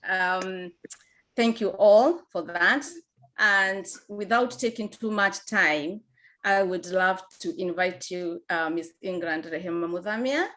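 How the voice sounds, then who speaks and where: A woman hosts an online event over a video call. She talks at a slow, courteous pace. Her tone is bright and forceful. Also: on the low side. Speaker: host. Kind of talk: introducing a guest.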